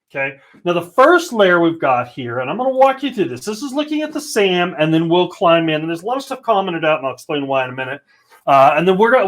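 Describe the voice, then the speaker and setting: Male host, casual live tech demo from a home office, joking and loose, voice sits high. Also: a bit bright. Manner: joking, rambling, self-deprecating. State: slightly out of breath. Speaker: host of a developer livestream.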